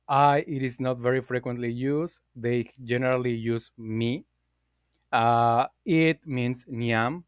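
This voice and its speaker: A man giving an explanatory class presentation, speaking deliberately with fillers and quick self-corrections. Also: mid-range voice, clean tone, dry recording, studio quality.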